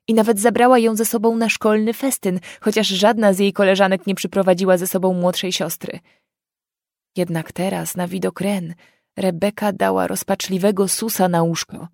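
A woman narrating a dark fantasy story in a measured, expressive reading. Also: mid-range voice, creaky, no room sound, studio quality. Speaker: audiobook reader.

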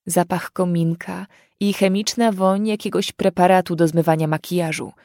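A woman reads a dark fantasy story in a measured, expressive narration. Her voice sits fairly low. The recording is dry and close, with no room sound. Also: no echo. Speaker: audiobook reader.

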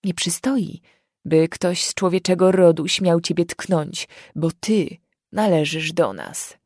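A woman playing a cold, cruel man of the fairy folk who threatens slaughter in a slow, measured storybook voice. The tone sits a little low and carries firmly. The sound is dry and close. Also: lively intonation, a little mellow, dry recording. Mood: coldly menacing. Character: cold, menacing male fairy-folk abductor.

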